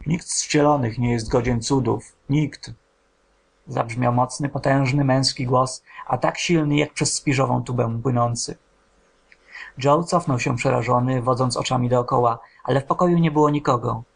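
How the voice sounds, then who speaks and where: A man reading a literary novel aloud as an audiobook narrator, in a slow, measured, somber way. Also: medium pitch, vocal fry.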